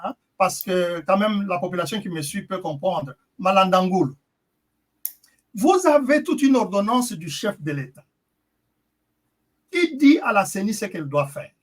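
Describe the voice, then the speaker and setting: A woman making an impassioned political address to her compatriots, forceful and rhetorical. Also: medium pitch. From Congo. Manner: forceful, rhetorical, appeals to the audience. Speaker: interpreter and guest.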